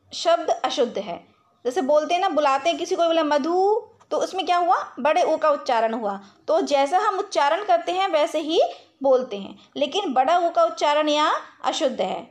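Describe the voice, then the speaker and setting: A woman teaching a recorded class, her voice sitting high. She explains each point slowly, repeats it, and asks questions that she then answers herself. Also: animated. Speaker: school teacher.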